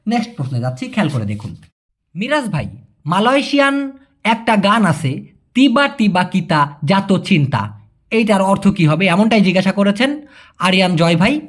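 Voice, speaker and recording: A young man from Bangladesh teaching Malay in a casual way, answering viewer questions, chatty and repeating key words slowly. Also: sits high. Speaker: language teacher.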